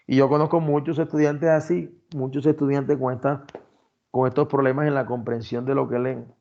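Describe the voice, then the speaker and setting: A man's voice: medium pitch, level tone, normal speed, mellow. A man giving a recorded class lecture, explaining criteria step by step and addressing his students directly. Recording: dull lo-fi sound.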